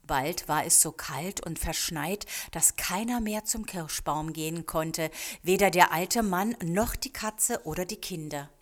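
A woman narrating a storybook in a calm, measured way. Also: on the low side. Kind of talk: storybook reading.

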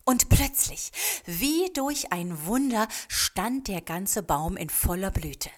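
A woman narrating a storybook in a calm, measured way. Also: medium pitch. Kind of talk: storybook reading.

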